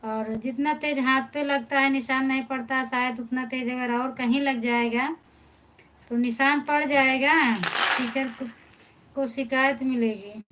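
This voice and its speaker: A woman's voice: high-pitched, fairly even intonation, measured pace, fairly bright tone, slight background noise, poor audio. A woman from of that region, hosting a live stream and patiently greeting viewers by name while answering their comments. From Pratapgarh, Uttar Pradesh, India. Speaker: live-stream host and folk singer. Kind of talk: casual live-stream chat, reading viewer comments aloud.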